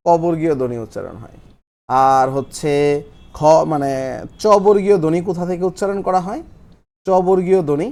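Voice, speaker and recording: A young man gives a recorded class lesson. His voice sits a little high for a man. He repeats each term slowly so students can copy it into their notes. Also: mellow. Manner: explains step by step, repeats key terms and dictates notes. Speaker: teacher. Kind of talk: recorded online class lecture.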